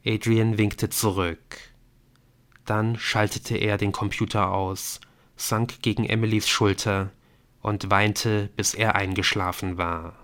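A man narrating an audiobook in a measured, even storytelling manner. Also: on the low side.

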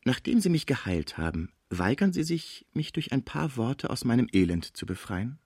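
A man's voice: mid-range voice, very animated, moderate pace, a little mellow, slightly rough, dry recording, voice pushed up. Scheming older portress, fawning and pushy, as a male reader plays her, raised voice, dry close sound. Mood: sly. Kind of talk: audiobook character voice.

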